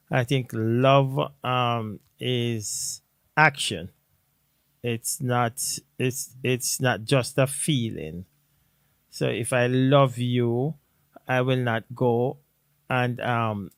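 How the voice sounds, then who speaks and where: A man talks slowly and thoughtfully in a casual live-stream chat, often pausing on fillers and restarting his sentences. The recording is dry and close. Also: mid-range voice, no echo. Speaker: co-host.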